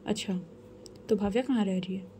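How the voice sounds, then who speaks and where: A woman's voice: medium pitch, normal speed, dark tone, a little hiss or hum, close to an everyday voice. Woman voicing a stern scolding mother. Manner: scolding, firm and commanding. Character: stern strict middle-aged mother scolding daughter.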